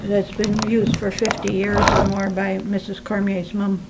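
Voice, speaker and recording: A woman giving an informal museum tour as guide, calm and explanatory, pausing to find her words. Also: mid-range voice. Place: inside a small museum. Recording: noisy on-location recording, varying distance from mic.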